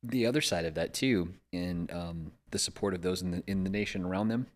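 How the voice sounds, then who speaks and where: Deep-voiced man hosting, measured and reflective. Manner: measured, reflective, trails off and restarts. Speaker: podcast host. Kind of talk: casual discussion.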